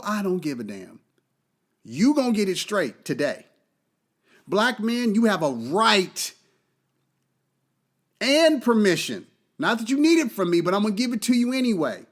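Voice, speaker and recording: Fiery, high-pitched man on a podcast. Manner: emphatic, profane, repeats key phrases for force. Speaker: podcast host. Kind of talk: impassioned monologue.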